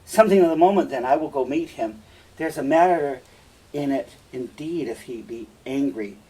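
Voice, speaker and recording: A man's voice: medium pitch, animated, moderate pace, warm tone, husky. A man reading the part of Iago, a scheming and two-faced male officer, in a class reading of a play. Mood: feigned concern. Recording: distant mic, faint room noise.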